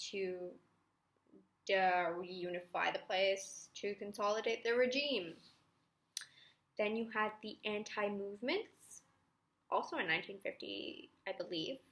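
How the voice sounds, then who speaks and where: Mid-range and a bit bright, a young woman's voice covers history revision notes in a laid-back study video. She's chatty, jokes at her own expense, and sometimes whispers.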